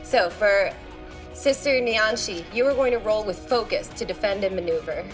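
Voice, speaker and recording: A woman's voice: mid-range voice, normal speed, over music. A woman narrating a tabletop game as game master, casual and full of fillers.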